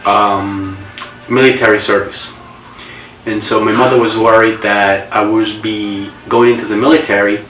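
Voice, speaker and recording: A man's voice: on the low side, fairly bright tone. A man tells his own story, stopping now and then to recall a detail. He sits some way back from the microphone. The room echoes around him and a faint ambient hum sits underneath. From Colombia. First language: Spanish. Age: 40s. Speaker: interviewee. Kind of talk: personal life story. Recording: roomy echo, distant mic, faint ambience.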